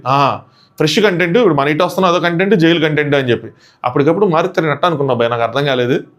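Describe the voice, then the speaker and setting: A man with a Telugu accent reviewing a reality show in a casual, animated way, often dropping English phrases into his talk. His voice sits high and his words come out quickly. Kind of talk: casual commentary.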